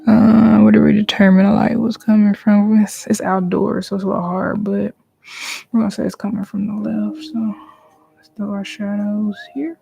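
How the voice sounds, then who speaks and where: During a live drawing stream, a woman chats easygoingly with viewers as she works, sometimes dropping to a whisper. Her medium-pitched, creaky voice moves at a moderate pace, and the audio sounds dull.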